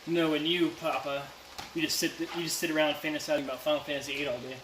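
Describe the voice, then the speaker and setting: In an echoey indoor kitchen, a man chats casually on a cooking livestream, teasing playfully and breaking into silly sing-song bursts. His voice is fairly high with little pitch movement, and he talks fast. Cooking noise runs in the background.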